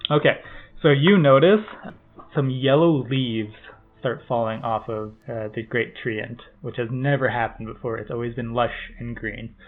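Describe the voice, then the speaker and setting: A man's voice: mid-range voice, moderate pace. A man runs a tabletop game as game master, narrating loosely with plenty of fillers. His voice sits in a middle range. The recording is thin and phone-like. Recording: tinny phone-like call audio.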